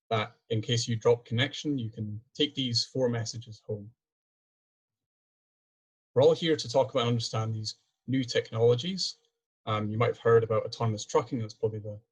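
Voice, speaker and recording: A young Scottish PhD student presents a webinar over a video call, with poor audio quality. His mid-range voice is slightly rough, and he speaks earnestly, frequently restarting his sentences.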